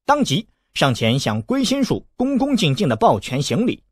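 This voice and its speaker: A man narrating a novel as an audiobook, with expressive storytelling. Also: on the high side, normal speed, no room sound, studio quality. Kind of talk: novel reading.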